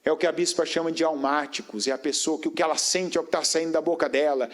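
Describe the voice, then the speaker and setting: Guy preaching, high voice, keeps asking the crowd questions, goes loud then drops low. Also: fairly even intonation, quick pace. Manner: rhetorical questions to the congregation; swings between raised emphatic phrases and low, quiet stretches. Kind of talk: sermon.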